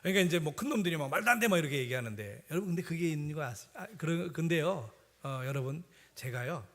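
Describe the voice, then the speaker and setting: A man's voice: high voice, fairly bright tone. Man preaching in a reverberant church. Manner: conversational storytelling with many fillers. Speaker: pastor. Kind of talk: sermon. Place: church sanctuary.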